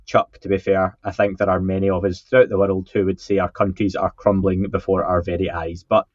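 A man's voice: low voice, little pitch movement, a little fast, no echo. A man co-hosting a podcast in casual chat, joking and self-deprecating while he reads out listener comments. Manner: joking, self-deprecating, repeats words when starting. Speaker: podcast co-host. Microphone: podcast microphone with a faulty setup. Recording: dull, muffled mic sound.

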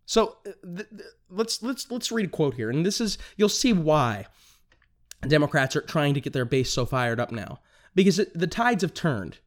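A young man hosting a political commentary podcast, talking fast and excitably, tripping over his words and restarting sentences. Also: on the high side. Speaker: podcast host.

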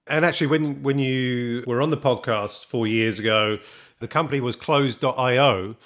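A man's voice: medium pitch, steady tone, moderate pace, fairly bright tone. A man hosting a podcast interview, asking casual, rambling questions with many restarts. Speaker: podcast host. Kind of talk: interview host.

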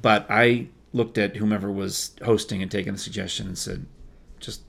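A man's voice: on the low side, steady tone, normal speed, gravelly, fairly bright tone. A man co-hosting a podcast in casual chat, telling rambling stories and laughing often. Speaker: podcast co-host.

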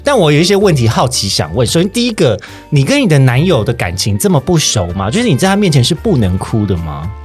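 A man's voice: medium pitch, wildly swooping pitch, fast, hardly any pauses, faint music behind. A man with a Taiwanese Mandarin accent hosting a casual podcast, teasing and joking with his guest. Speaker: podcast host.

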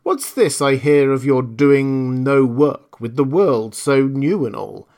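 In a storybook reading, a man gives voice to a magical desert djinn, speaking slowly and with emphasis in a tone of stern authority. His voice sits in the mid range and sounds slightly mellow.

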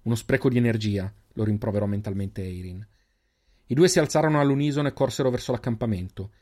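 A man reading a fantasy story aloud as narrator, with steady, measured pacing and dramatic pauses. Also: on the low side. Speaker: audiobook narrator. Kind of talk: scripted narration.

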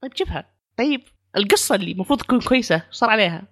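A young man co-hosting a casual podcast, excitable and given to mocking impressions. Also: high voice, very fast, crowd noise. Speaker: podcast co-host.

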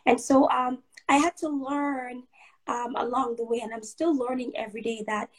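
Speaking at a moderate pace in a fairly high, level tone, a Jamaican woman chats as a guest on a livestream interview. She is a blogger and author, and her talk has many "um"s and restarts. The recording is rough and comes through a livestream call.

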